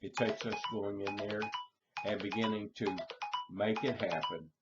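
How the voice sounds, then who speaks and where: A middle-aged man, preaching a sermon in a slow storytelling manner and repeating his phrases. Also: on the low side, fairly even intonation, over loud music. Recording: dull lo-fi recording.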